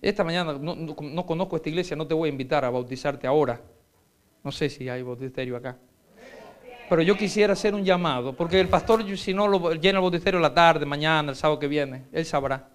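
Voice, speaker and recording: A man's voice: on the high side, brisk, clear, resonant tone. A man preaching a fervent Spanish-language sermon as guest pastor, driving home repeated refrains, telling stories with acted-out dialogue, and closing with an altar call. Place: church sanctuary.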